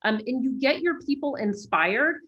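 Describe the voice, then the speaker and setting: A woman's voice: high-pitched, animated, moderate pace, highs cut off. Articulate businesswoman with "right?" tags. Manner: articulate, often adds a checking "right?". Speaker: guest executive. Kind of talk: interview answers.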